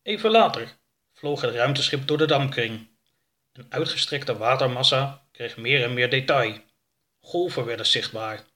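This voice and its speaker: Bright-voiced male storybook narrator. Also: mid-range voice, unhurried.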